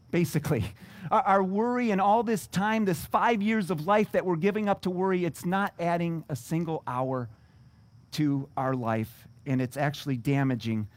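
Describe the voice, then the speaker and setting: A man preaching a sermon as a pastor, reading scripture and then explaining it earnestly, often restarting his words. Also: high voice.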